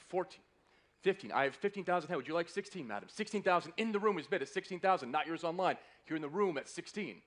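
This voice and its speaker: In a live auction room at a hotel, a male fine art auctioneer calls the sale with polite, courteous patter, repeating the bids again and again. His voice is on the high side with a fairly bright tone.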